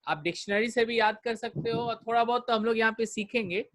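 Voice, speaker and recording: A man with an Indian English accent teaching pronunciation in an online class, drilling words slowly and mixing Hindi with English. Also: extremely high pitch, fairly bright tone.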